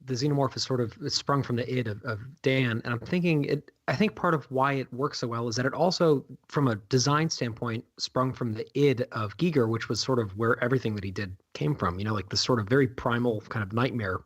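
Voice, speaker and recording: A man's voice: medium pitch, a little fast, few pauses. A man interviewing someone in a casual, musing, rambling conversational way.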